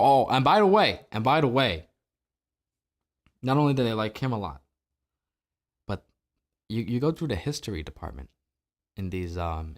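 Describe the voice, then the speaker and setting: A man's voice: on the low side, darkish tone. A man from New Jersey hosting a solo political commentary podcast, talking in a sarcastic, opinionated way with rhetorical questions. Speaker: podcast host.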